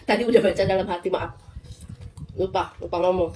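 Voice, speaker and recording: A woman's voice: lowish voice, fairly even intonation, brisk, mellow, breathy edge. A woman in her thirties from Indonesia chatting casually to her viewers as a food vlogger, recorded on a phone at home. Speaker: mukbang vlogger. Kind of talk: casual vlog chat to viewers. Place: indoors, living room at home. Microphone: phone at arm's length.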